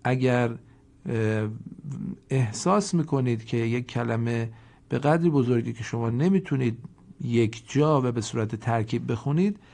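Man, Quran reading teacher, mellow warm tone, brisk explanations, slow drawn-out chanted examples, asks listeners to repeat. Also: medium pitch, gravelly. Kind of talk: recorded recitation lesson.

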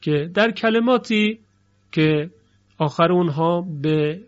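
A man teaching Quran recitation, explaining rules step by step and slowly chanting example phrases. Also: sits high, muffled recording. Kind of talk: lecture on recitation variants.

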